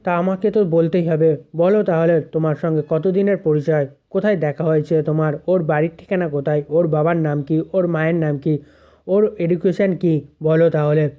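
A man's voice: fairly high pitch, fairly even intonation, normal speed, narrow, tinny audio, natural voice. A man reading a bold woman lawyer. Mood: pressing. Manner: questioning, pressing.

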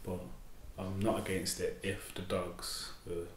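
A man's voice: sits low, level tone, measured pace, echoey room, a little hiss or hum. A twenty-year-old man giving plain-spoken interview answers that use casual slang. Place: indoor room, seated in armchair.

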